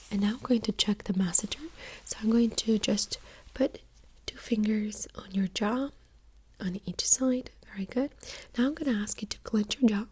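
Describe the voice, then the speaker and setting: Breathy woman in a whispered role-play. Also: mid-range voice. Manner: gentle, reassuring, giving step-by-step instructions. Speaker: ASMR performer playing a doctor giving an exam. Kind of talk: whispered role-play, soft-spoken ASMR medical exam.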